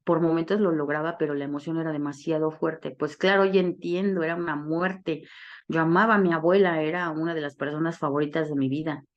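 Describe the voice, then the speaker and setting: A woman speaks to a support group in a low voice. She tells a personal story, acts out the lines she quotes and often checks in with tag questions. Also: steady tone, a little fast, dull audio. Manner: storytelling, acting out quoted dialogue. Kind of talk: personal testimony talk.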